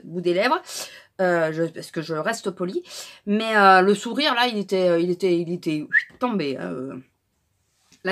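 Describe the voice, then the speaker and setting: A woman's voice: on the low side, fairly bright tone. A woman chatting casually in a haul vlog, telling an indignant story with lots of fillers and restarts. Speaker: vlogger.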